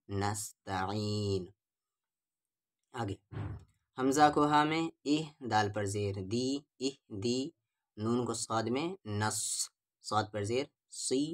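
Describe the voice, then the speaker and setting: A man teaching Quran reading with tajweed, spelling out syllables one at a time and then reciting each verse slowly and drawn out. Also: lowish voice.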